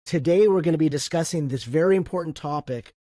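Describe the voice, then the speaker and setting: A man hosting a faith podcast, introducing guests in a measured, earnest way with some fillers. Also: on the high side, warm tone, no room sound, clean studio sound. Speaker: podcast host and moderator.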